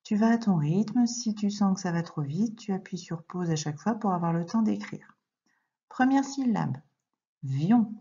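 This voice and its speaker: A woman teaching young children to read, speaking slowly and clearly and addressing the child directly as she dictates. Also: mid-range voice, expressive, mellow, muffled recording. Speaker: primary school teacher. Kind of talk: recorded reading lesson and dictation for young children.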